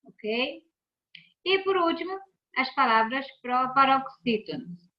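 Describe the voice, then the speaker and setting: A woman's voice: high-pitched, animated, takes it slowly. A woman teacher giving a recorded remote lesson, explaining patiently and checking in with her students often. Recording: dull lo-fi sound.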